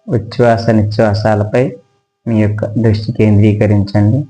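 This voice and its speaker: In a low, mellow voice, a man guides a yoga relaxation session. He speaks slowly, calmly and very evenly, pausing between instructions. The recording quality is low.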